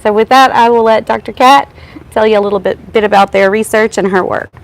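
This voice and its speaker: A woman host introducing a guest speaker at a public talk, pausing with ums. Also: medium pitch, fairly even intonation, creaky, poor audio. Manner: hesitant, many ums. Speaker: event host.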